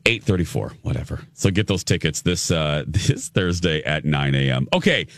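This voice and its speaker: A man's voice: very deep voice, big pitch swings, normal speed, creaky, no echo, clean studio sound. A man hosting a morning radio show, chatting casually and giving opinions in an informal way. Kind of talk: casual talk radio chat. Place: radio studio.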